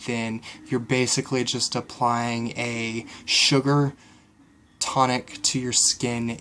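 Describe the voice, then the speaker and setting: A man's voice: medium pitch, a little hiss or hum. A man casually explaining a kitchen home remedy step by step, with frequent fillers. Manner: explains steps conversationally with fillers. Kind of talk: casual how-to tutorial.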